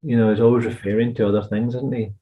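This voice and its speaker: A man's voice: medium pitch, flat delivery, quick pace, dull audio. A Scottish man co-hosting a music podcast, talking casually and rambling into asides. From Scotland. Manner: chatty, rambling, trails into asides. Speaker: podcast co-host. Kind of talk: casual chat.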